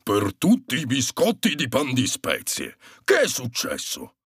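A man voicing a jolly, kindly old Santa Claus, calm and unhurried, in a children's storybook reading. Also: mid-range voice, slightly rough, no room sound, studio quality, exaggerated voice. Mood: good-natured.

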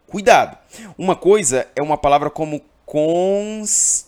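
A man's voice: a little high, lively intonation, normal speed, a little mellow. A man from Brazil teaching an exam-prep grammar lesson, emphatic and always checking in with his listeners.

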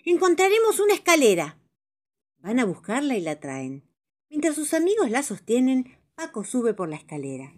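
A woman narrating children's stories as a storyteller, with a lively, dramatic reading style. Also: a little high, moderate pace.

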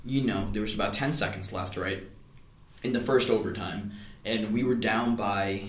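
A man's voice: fairly low pitch, normal speed, reverberant. A young man co-hosting a student sports podcast, chatting casually and animatedly about a college basketball game, laughing often. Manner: animated, laughs often, breaks into shouting imitations.

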